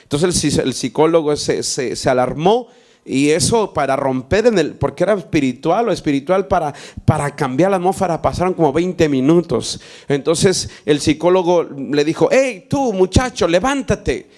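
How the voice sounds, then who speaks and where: High-pitched young guy preaching, earnest testimony, keeps addressing the church, lots of restarts. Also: expressive, moderate pace, darkish tone. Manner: earnest testimony with many restarts and direct appeals. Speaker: pastor. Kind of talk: sermon.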